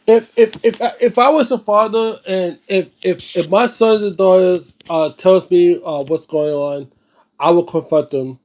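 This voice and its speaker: Hosting a book reading and discussion series, a man with a notably high, darkish voice gives unscripted commentary for a casual video. He halts and repeats himself while searching for words, and his delivery comes across as earnest, emphatic and slangy.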